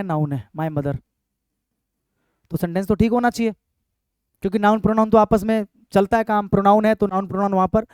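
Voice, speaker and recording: A man leads an exam-prep grammar lesson in a high, smooth, resonant, slightly mellow voice. The recording is close and dry, with no room sound. He repeats his points, quizzes students with frequent questions, and reads each example sentence out slowly.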